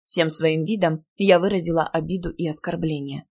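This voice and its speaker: Female narrator, lowish voice, lively expressive storytelling for a romance audiobook. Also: normal speed, vocal fry, husky. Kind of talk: first-person audiobook narration.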